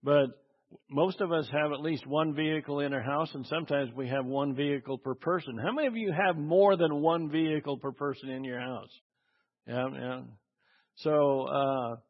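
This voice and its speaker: A man preaches a sermon in a chatty, conversational way, throwing questions out to the congregation and pausing often with fillers. His voice sits fairly high for a man. Long reverb fills a large church hall, and the audio is muffled and dull. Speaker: pastor.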